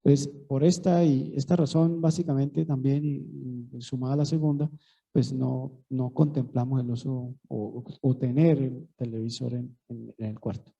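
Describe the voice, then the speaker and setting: A man on a panel explaining sleep therapy in a measured, clinical way. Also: medium pitch, steady tone, vocal fry, dark tone, slightly rough, rough recording.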